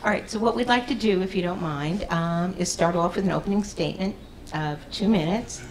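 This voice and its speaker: A woman with a lowish voice and a New York accent moderates a debate, friendly and a bit self-deprecating. Faint room noise runs underneath. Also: a little fast, rough recording.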